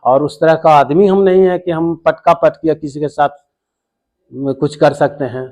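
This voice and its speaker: A man's voice: a little high, steady tone, a little slow, a little mellow. An older man, giving an earnest, pleading account to a local news reporter and calling him sir. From Bihar, India. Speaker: complainant interviewed by a reporter.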